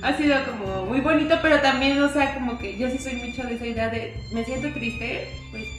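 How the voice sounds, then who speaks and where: Animated young Mexican woman, echoey room. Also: high voice, a little fast, music in the background. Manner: emotional, animated storyteller who acts out quotes. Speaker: preschool teacher, guest. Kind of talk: casual interview storytelling.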